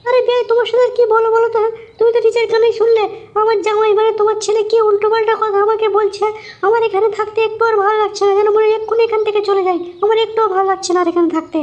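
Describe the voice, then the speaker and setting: A woman's voice: very high-pitched, little pitch movement, racing, a little mellow, lo-fi sound. A woman playing an indignant middle-aged mother-in-law in a comic audio drama, scolding and fed up. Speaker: mother-in-law visiting her daughter's home.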